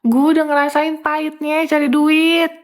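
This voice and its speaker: A woman's voice: high-pitched, normal speed. A woman telling viewers a story from her old job, acting out the lines people said. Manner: animated, acts out quoted dialogue. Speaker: content creator telling a work story.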